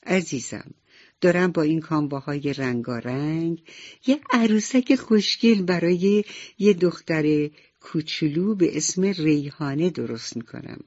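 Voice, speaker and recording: A woman voicing a kind, motherly female nurse who speaks softly and reassuringly in a radio bedtime story. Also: low voice, muffled recording. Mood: tender. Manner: soft, tender, reassuring.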